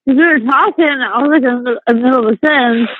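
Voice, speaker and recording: A woman's voice: high-pitched, fast, no room sound. A woman chatting informally over a prison phone call, talking as a friend to an inmate. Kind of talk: casual personal phone chat. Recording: dry, tinny prison phone line.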